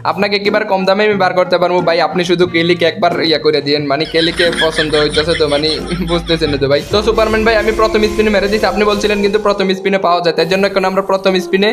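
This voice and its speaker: A young man with a Comilla Bengali accent races through his gameplay commentary with a high, bright voice and barely pauses for breath. He jokes and teases the players he meets. Game music plays loudly behind him. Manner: excitable, joking, taunts opponents. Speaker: gaming YouTuber.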